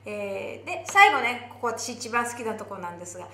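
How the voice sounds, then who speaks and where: A woman with a Japanese accent teaching English pronunciation for singing, slowly modeling lyric phrases between quick explanations. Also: fairly high pitch, very animated, pushed and bright, roomy sound, a little hiss or hum. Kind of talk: singing lesson with demonstrations.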